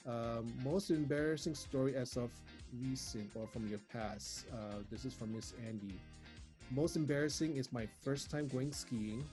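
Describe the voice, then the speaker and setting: A man's voice: medium pitch, normal speed. Man from Singapore, laid-back host, casual chatter, guitar music behind. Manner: relaxed and chatty, many uhs. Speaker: talk show host. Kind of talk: casual school talk show hosting.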